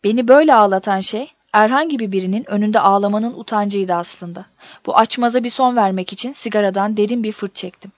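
A woman reading a first-person story aloud in a steady, measured audiobook narration. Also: medium pitch, no room sound. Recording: dull dry recording.

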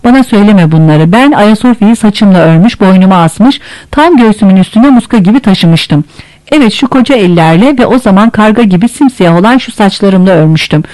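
A reader voicing a fiery, scarred old Greek man, gruff and scornful, in an audiobook. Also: medium pitch, animated, fairly quick, darkish tone, dry recording, lightly acted, poor audio. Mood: boastful. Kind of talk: audiobook character reading.

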